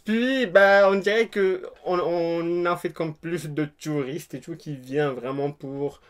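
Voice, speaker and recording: A man's voice: fairly high pitch, steady tone, a little slow, clear, resonant tone. A young man from Morocco with a Moroccan accent, chatting casually as a guest, laughing often and slipping English words in. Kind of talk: casual chat.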